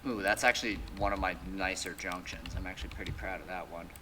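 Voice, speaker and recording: A young man with a fairly low voice talks casually over his gameplay, joking and narrating each step as he builds. It sounds like a home desk mic, with game noise clearly audible underneath. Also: steady tone, fast talker. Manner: joking, thinking aloud while building. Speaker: let's play co-host.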